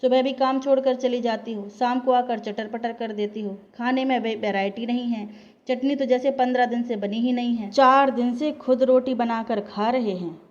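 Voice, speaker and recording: A sharp-tongued older mother-in-law in a family storybook, as a woman narrator puts her on. Her voice sits a little high and comes through a dull, lo-fi recording. She speaks in taunting, scolding words. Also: normal speed, close to an everyday voice.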